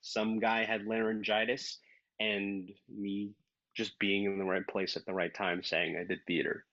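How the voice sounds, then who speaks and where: A man's voice: fairly low pitch, measured pace, dry recording. A man, a voice actor, telling stories in an interview and acting out the quoted lines, heard over dull, dry call audio. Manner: animated, acts out quoted dialogue. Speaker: voice actor guest. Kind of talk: casual interview storytelling. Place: based in Los Angeles.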